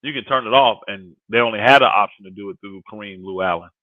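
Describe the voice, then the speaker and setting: A fifty-year-old guest co-host on a live sports panel speaks fast in a lowish voice, casual and emphatic, frequently repeating himself to press a point. The recording is dry and comes across thin, like phone audio.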